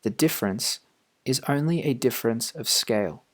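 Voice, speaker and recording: A man reads a scripted philosophical text in a quiet audiobook style. His voice sits at an average male pitch, and his delivery is measured and formal. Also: lively intonation. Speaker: audiobook reader.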